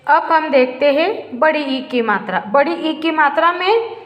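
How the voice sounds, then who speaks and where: A woman teacher giving a slow, repetitive lesson to first graders, asking questions and answering them herself. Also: sits high, expressive. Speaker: primary school teacher. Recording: echoey room with long reverb.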